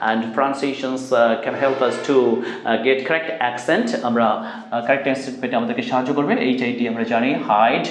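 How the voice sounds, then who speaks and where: A man with a Bangladeshi accent teaching a spoken English lesson, pausing often with fillers and drilling simple sentences. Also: mid-range voice, steady tone, echoey room, slight background noise. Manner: slow, hesitant with many fillers, repeating drill sentences. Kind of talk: classroom lesson mixing Bengali and English.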